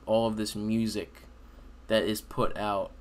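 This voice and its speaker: Low, even-voiced teenage man chatting casually. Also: measured pace. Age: late teens. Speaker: podcast host. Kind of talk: casual chat. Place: room at home, indoors. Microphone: desk microphone on video call.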